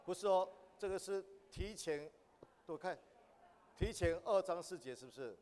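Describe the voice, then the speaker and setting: A man's voice: sits high, lively intonation, moderate pace, darkish tone. Man teaching in a reverberant hall. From Taiwan. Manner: asks the audience questions, rising to emphatic exhortation. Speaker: church class teacher. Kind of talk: church training lesson.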